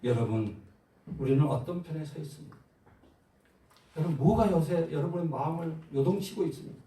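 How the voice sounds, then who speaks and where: Man preaching in an echoey sanctuary. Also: brisk. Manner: call-and-response preaching, asks the congregation questions; swings between loud exhortation and soft low asides. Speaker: pastor. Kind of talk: sermon. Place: large church sanctuary. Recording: roomy echo, far from the mic.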